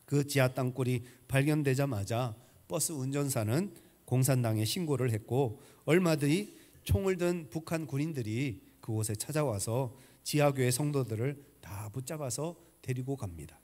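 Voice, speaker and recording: A man pastor delivers a sermon with a fairly high voice, telling a story in solemn tones that drop to a near hush at the saddest points. His words ring out with a long church reverb around them. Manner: solemn storytelling, softening to a hush at tragic moments.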